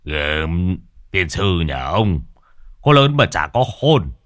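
A coarse, gruff middle-aged father , as a narrator puts him on, talks bluntly and crudely in a low voice. He rattles along with a lively swing in the voice, close and dry. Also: dry recording, exaggerated voice. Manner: crude, blunt, quick-talking.

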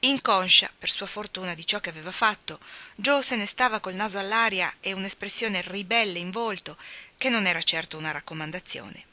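A woman reading a classic novel aloud as audiobook narration, steady and clear. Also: medium pitch, a little fast. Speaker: reader.

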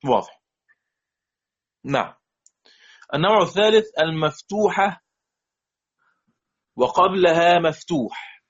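Man, Egyptian accent, Quran teacher, slow drilled examples, somewhat high voice, muffled recording. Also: lively intonation, slightly rough. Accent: Egyptian Arabic. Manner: drills examples slowly, checks students often. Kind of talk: classroom lesson.

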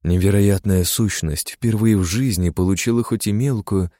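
Low, dark-voiced male audiobook narrator. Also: moderate pace, no echo, studio quality. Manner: dramatic, steady reading that voices characters' shouts. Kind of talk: scripted fantasy audiobook narration.

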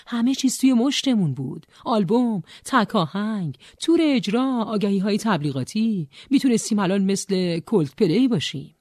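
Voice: medium pitch, a little mellow, no room sound, studio quality, voice pushed up. A narrator voicing a bitter, resentful young man, a former band drummer, who talks angrily and sarcastically in an audiobook. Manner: angry, sarcastic, raised voice. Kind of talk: audiobook character voice.

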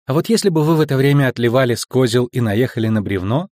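A man voicing a cheeky, sharp-tongued young girl who mocks and teases in a raised voice. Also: medium pitch, animated, quick pace, dry recording, studio quality, lightly acted. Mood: sassy. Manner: mocking, sassy, raised voice.

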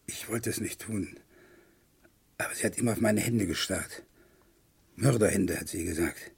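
In a German radio crime play, a male actor voices a distraught, haunted murder suspect, sounding broken and remorseful. His low voice is creaky and husky, heavily acted, and his speech comes out halting, repetitive and anguished.

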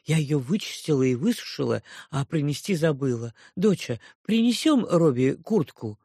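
A man's voice: on the high side, sing-song, moderate pace, dark tone, slightly rough, no room sound, clean studio sound, full character voice. A man voicing a fussing storybook mother. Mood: fussing motherly. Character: caring gentle mother, woman.

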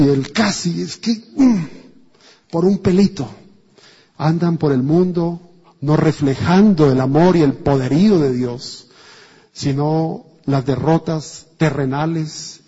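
A man with a Colombian accent preaching a sermon, animated, asking many rhetorical questions and swinging between loud and soft. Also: on the high side, husky. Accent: Colombian Spanish. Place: church hall. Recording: dull sound with long church reverb.

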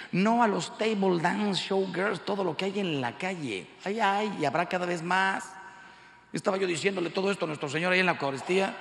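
Lively Mexican priest preaching in a hall. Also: male voice, sits high, gravelly, a little hiss or hum. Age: 50s. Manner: animated storytelling, acting out dialogue in voices. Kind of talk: humorous sermon to a large audience. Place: large hall with live audience. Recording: echoey hall reverb.

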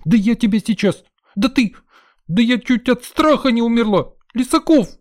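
A man's voice: expressive, normal speed. A man voicing a fiery young woman who shrieks in indignant outbursts. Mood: furious shrieking. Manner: shrill, furious outbursts.

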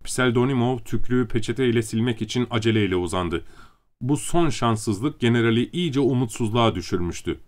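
A man narrating an audiobook in even storytelling tone. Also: medium pitch, fairly quick. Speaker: audiobook reader. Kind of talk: scripted narration.

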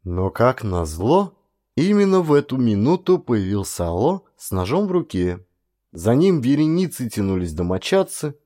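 A man reading a story aloud as narrator, in an even, measured storytelling manner. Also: mid-range voice. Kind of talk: scripted audiobook narration.

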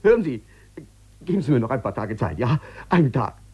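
An actor playing a desperate, sick gambler in debt, pleading and stammering on the phone in a 1950s radio play. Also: male voice, medium pitch, big pitch swings, fairly quick, husky, dull audio. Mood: feverish pleading. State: feverish. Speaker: lead character in a radio drama.

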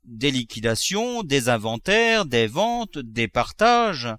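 A man's voice: mid-range voice, sing-song, slow, fairly bright tone, no room sound. A man doing a shrewd, coaxing old notary.

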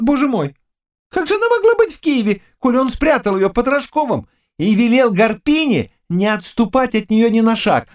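A frantic young manservant yelps in a high, thin voice, rushing his words in a panic. His pitch leaps around wildly from line to line. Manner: shrill, panicky, rushed. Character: frantic young male servant. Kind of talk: audiobook character voice.

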